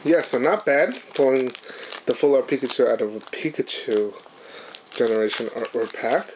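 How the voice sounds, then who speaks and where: Speaking at a moderate pace in a medium pitch, a channel host whose voice is hoarse and half gone chats loosely through a trading card unboxing, full of fillers and apologies. The shot is of the cards on a table indoors. Audio quality is flat and lo-fi, with faint background hiss.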